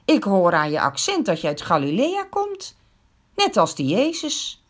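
A woman's voice: medium pitch, huge pitch swings, measured pace. A woman voicing a pushy grown man who insists he can tell where someone is from by their speech. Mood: accusing. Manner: insistent, accusing. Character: pushy adult male bystander.

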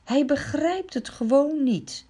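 Slow, expressive woman telling a Bible story. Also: high voice. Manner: expressive, questioning, dramatic. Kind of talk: storytelling for children.

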